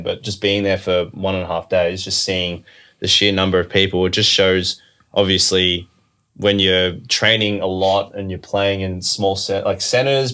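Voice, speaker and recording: A man on a podcast, talking in a measured, reflective way and often hedging with "I think". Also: deep voice, fairly bright tone. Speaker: podcast co-host. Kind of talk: casual chat.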